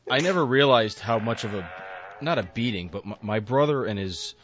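A man's voice: on the low side, animated, brisk. A man hosting a podcast in casual chat, giving short encouraging replies and laughing easily. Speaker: podcast host. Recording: dull lo-fi audio with crowd noise.

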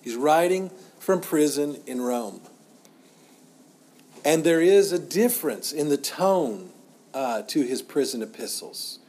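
A middle-aged man teaching as a pastor in an informal, halting, conversational way, often repeating himself. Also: fairly high pitch, animated, darkish tone.

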